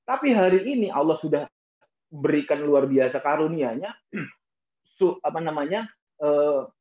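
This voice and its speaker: A man's voice: on the high side, lively intonation, moderate pace. Preachy man, tinny phone-like sound. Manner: preacher-like, addresses audience often, mimics prayers softly. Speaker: motivational speaker. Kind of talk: motivational talk to a business audience.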